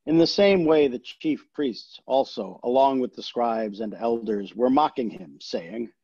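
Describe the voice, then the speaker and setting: A man reads scripture aloud for a worship service, steady and solemn in his pacing. His voice is husky and somewhat breathy, and it sits mid-range in pitch. The sound is dry and a little muffled, with no room ring around it. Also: no room sound. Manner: measured, solemn reading. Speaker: scripture reader.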